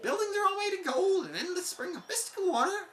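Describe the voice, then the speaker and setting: A gamer doing an excitable male rock creature who drawls like a surfer with a hillbilly twang, leaning on every "bud." The voice runs bright and swoops all over the place, and it bounces around an echoey room. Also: very high voice, quick pace, pitched above the performer's own voice. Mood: laid-back. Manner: calls the listener "bud".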